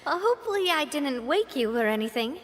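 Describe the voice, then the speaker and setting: A woman's voice: high-pitched, very animated, fairly quick, slight background noise. A woman voicing a confident, playful young woman who leads her own crew in a video game. She teases her friends and laughs easily. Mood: cheerful. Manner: teasing, laughs often.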